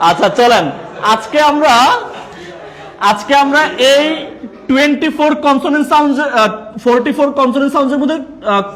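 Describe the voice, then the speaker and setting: High-voiced Bangladeshi man drilling a class. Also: brisk, fairly bright tone. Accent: Bangladeshi Bengali. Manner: drills the class with call-and-response questions; playful, joking with the teachers. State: sweating. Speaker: teacher trainer. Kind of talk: classroom teaching. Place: training classroom.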